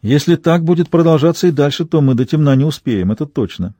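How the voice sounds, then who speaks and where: A man's voice: fairly high pitch, lively intonation, fast, mellow, no room sound, studio quality. A man reading an audiobook, voicing a sardonic, nervous man who needles his friend with mocking remarks. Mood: wry. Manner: mocking, muttered sarcasm.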